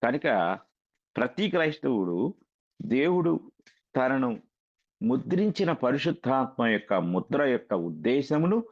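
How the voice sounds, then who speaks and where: Male preacher, gravelly voice, earnest emphatic sermon, muffled lo-fi audio. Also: medium pitch, sing-song, a little slow, pauses often.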